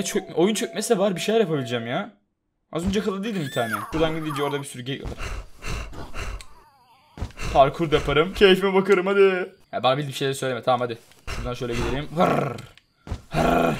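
Excitable man narrating his own gameplay. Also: background noise. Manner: excitable, swings from loud frustrated outbursts to low muttering; swears often, talks to the game. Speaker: gaming YouTuber. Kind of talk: live let's-play commentary.

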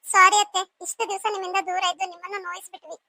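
A cheerful, clever young daughter-in-law from a cartoon , as a woman puts her on. Her voice is very high and bright, and she chats quickly. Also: flat delivery, dry recording. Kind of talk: cartoon voice acting.

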